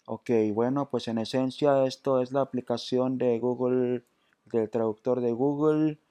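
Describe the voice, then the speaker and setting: A man's voice: medium pitch, fairly even intonation, measured pace, dark tone, clean tone, dry recording. A man presenting a tech tutorial, patiently walking through each step with hesitant restarts. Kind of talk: screen-reader app walkthrough.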